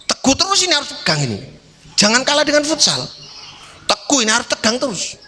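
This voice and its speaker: A man's voice: extremely high pitch, huge pitch swings, fast, bright, forceful tone, slight background noise. A male kyai, preaching a sermon to his congregation in an emphatic, repetitive way. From East Java. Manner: emphatic, repetitive, switching into Javanese asides. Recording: long reverb of a hall.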